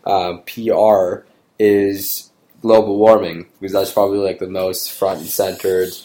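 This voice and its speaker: A man from Canada co-hosting a podcast in casual chat, joking and playful, getting animated when making a point. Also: low voice, measured pace.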